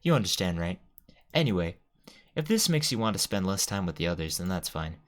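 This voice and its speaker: A man reading the lines of a calm teenage girl who leads a school club, in a soft, gentle way. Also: low voice, a little fast.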